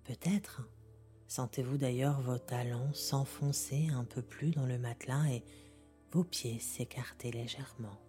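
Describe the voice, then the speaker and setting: A woman softly guiding a sleep meditation like a sleep story narrator, half-whispering in a calm, gentle, unhurried way. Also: extremely low pitch. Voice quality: soft, breathy, half-whispered. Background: music.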